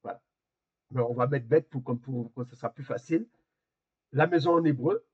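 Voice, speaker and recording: A man's voice: medium pitch, normal speed, slightly rough, muffled recording. A man teaching a Hebrew lesson over a video call, explaining hesitantly and repeating words as he goes. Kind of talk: online class explanation.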